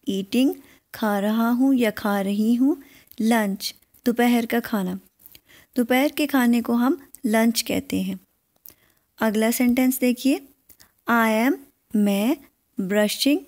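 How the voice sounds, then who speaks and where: A woman with an Urdu accent teaching English in a slow, patient language lesson, repeating each word and then giving its translation. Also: on the high side, darkish tone.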